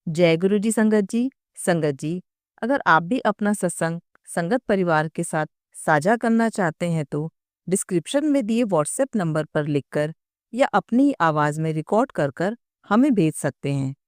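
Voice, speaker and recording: A woman host giving a calm, polite closing announcement for a devotional channel. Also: fairly low pitch, unhurried, no echo, studio quality.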